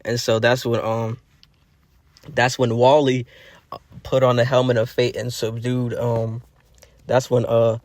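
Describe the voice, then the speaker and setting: A man's voice: mid-range voice, flat delivery, a little slow, long pauses, a little mellow, no room sound. Young man rambling through a fan story. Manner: rambling, heavy fillers and restarts. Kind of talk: casual improvised storytelling.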